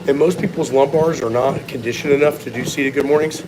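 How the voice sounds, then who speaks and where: Man, strength coach, casual Q&A chat, blunt and opinionated, mid-pitched voice, clear vehicle-like noise behind. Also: brisk. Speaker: strength coach answering viewer questions.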